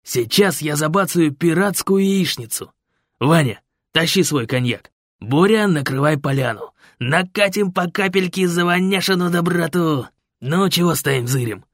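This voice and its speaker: Brash slangy biker voiced by a male narrator, raised pitch, dry close sound. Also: expressive, unhurried, a bit bright, no echo, exaggerated voice. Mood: boisterous. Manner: slangy, bossy and boisterous. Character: brash loud male biker designer Fred, pushy, jovial. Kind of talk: audiobook character voice.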